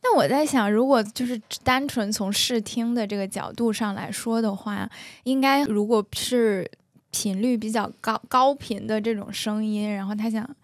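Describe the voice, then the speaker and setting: Higher-voiced woman searching for words. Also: normal speed, no room sound, clean studio sound. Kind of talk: casual podcast chat.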